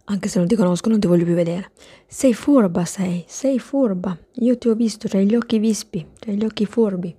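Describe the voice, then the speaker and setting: A woman's voice: lowish voice, normal speed, mellow, slightly rough, no room sound. A woman voicing a rude, jealous female medical assistant in a comic whispered role-play, talking bossy and scornful.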